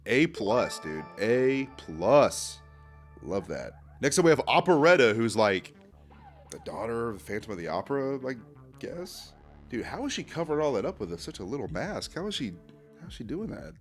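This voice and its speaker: A man hosting a casual reaction video, excitable and slangy, often saying "dude" and laughing as he talks. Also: medium pitch, normal speed, faint music behind. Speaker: YouTube host ranking fan art.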